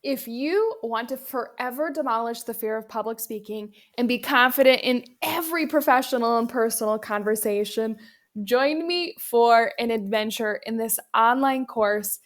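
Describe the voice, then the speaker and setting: A woman's voice: on the high side, normal speed. A woman presenting as a speaking coach, giving instructive video commentary addressed directly to the viewer.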